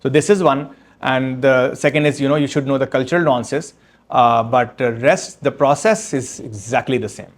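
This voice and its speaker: At a book launch in an event room with an audience, a man speaking as the author answers questions from the crowd. His medium-pitched voice moves haltingly, step by step, with frequent restarts.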